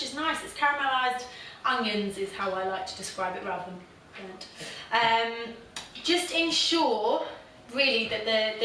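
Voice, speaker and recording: A woman's voice: a little high, pushed and bright, far from the mic, a little hiss or hum. Chatty woman in an echoey kitchen. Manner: chatty, self-deprecating, with many fillers. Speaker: home cooking host. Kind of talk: casual cooking demonstration. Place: home kitchen. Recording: very echoey room, voice from off the mic.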